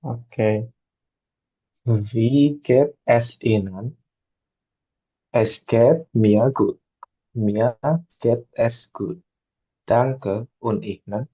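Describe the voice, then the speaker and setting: A student reading German practice phrases aloud slowly and carefully in an online class. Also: medium pitch, mellow, slightly rough, dull audio.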